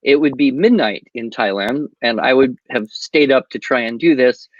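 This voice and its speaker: As a guest speaker on a video call, a man chats in a casual interview, wry and digressive with a habit of cracking jokes. His medium-pitched voice moves at normal speed, and the recording is muffled but free of echo.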